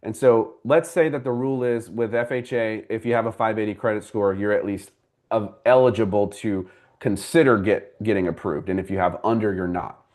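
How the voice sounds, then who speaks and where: A man's voice: on the low side, fairly even intonation, normal speed, a little mellow. A man hosting a live homebuyer class as a mortgage broker, explaining things conversationally and answering viewers by name. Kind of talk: live class with audience questions.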